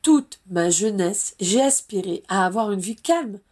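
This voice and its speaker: A woman's voice: medium pitch, expressive, a little slow, a little mellow. A woman reading a modest young Auror. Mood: earnest.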